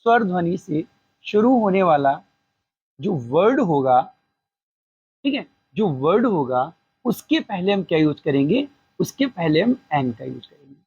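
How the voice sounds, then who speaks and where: A husky, breathy teacher walks through a grammar lesson, posing a question and then answering it, and sometimes dropping in short English phrases. The voice is close and dry, with a slightly dull, lo-fi sound. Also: mid-range voice, big pitch swings, darkish tone, no echo. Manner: repeats key phrases slowly.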